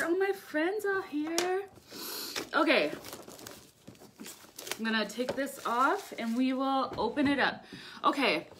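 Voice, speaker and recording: A young woman hosting a casual livestream from home, emotional and tearful, excitable, laughing often between her words. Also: a little high, a little hiss or hum. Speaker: livestream host, direct seller. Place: at home, indoors. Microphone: phone or webcam.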